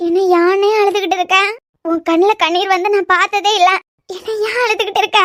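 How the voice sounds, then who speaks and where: A fretful cartoon auntie, as a performer puts her on, with a very high, bright, tense voice that rattles off rapid, anxious pleas in a Kanyakumari Tamil accent. The sound is dry and close. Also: fairly even intonation. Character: fretful middle-aged woman relative, anxious. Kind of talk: cartoon voice acting.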